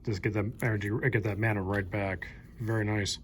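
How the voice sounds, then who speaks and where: Speaking briskly in a fairly low, level voice, a young card collector channel host chats through an old collection, naming cards one by one with upbeat energy. Slight background noise comes through his handheld camera mic.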